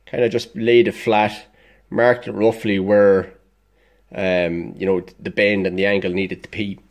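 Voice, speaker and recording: A man on the low side of the pitch range speaks flatly and a little slowly. He's a DIY vlogger, congested and dosed up with illness, casually explaining a fix at his indoor workshop bench in plain, blunt terms with the odd swear.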